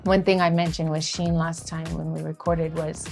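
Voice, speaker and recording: A woman's voice: low voice, flat delivery, moderate pace, creaky, darkish tone, faint music behind. A woman interviewing a church member, reflective and affirming about his testimony.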